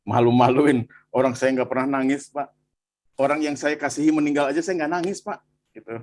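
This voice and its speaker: A man from Bandung, telling his personal testimony in animated conversation and often addressing the listener as "Pak". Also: mid-range voice, brisk. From Bandung, Indonesia. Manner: animated storytelling, frequent "Pak" and "gitu".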